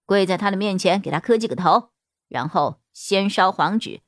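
A woman voicing a gruff, gentle male boss. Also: normal speed, dry recording, clean studio sound, natural voice. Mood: coaxing. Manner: lower, coaxing, soothing.

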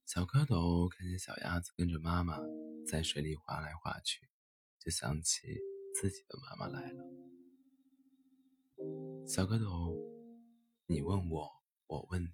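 Man reading a bedtime story, very deep voice, calm, music playing underneath. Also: a little slow, pauses often.

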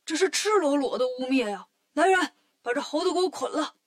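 Woman voicing a storybook heavenly king, hot-tempered, indignant, loud. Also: on the high side, fairly quick, lightly acted. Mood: angry.

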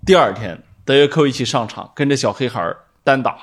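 A man's voice: mid-range voice, lively intonation, a little fast. A man chatting casually in a podcast, telling a story with lots of fillers and small laughs. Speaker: tennis fan guest.

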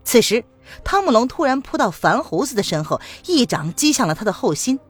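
A woman narrating a martial-arts novel aloud as an audiobook, with expressive storytelling. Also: fairly high pitch, brisk, slightly rough, faint music behind.

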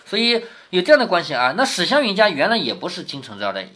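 A man's voice: high-pitched, wildly swooping pitch, fast talker, sharp tone. Guy reading an old novel to his kid and explaining it, voice goes up and down a lot, keeps checking "right?". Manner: explanatory, asks the listener questions. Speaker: father reading a classic novel to his daughter. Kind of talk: storytelling with running commentary.

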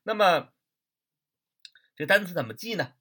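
A man gives a lively, chatty English vocabulary lesson, spelling words out letter by letter and posing rhetorical questions. His high-pitched voice is expressive and unhurried, a bit bright with a breathy edge.

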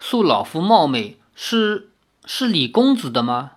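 A reader voicing an elderly male healer who speaks in a formal, measured, old-fashioned way. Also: medium pitch, big pitch swings. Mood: grave. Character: elderly male village healer, courteous and grave.

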